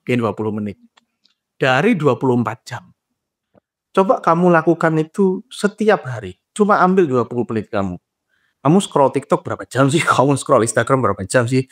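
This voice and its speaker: Lively young man explaining with acted-out dialogues. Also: mid-range voice. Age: young adult. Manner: lively explainer who acts out dialogues and laughs at his own points. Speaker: guest, graduate psychology student and trainer. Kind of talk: casual interview talk.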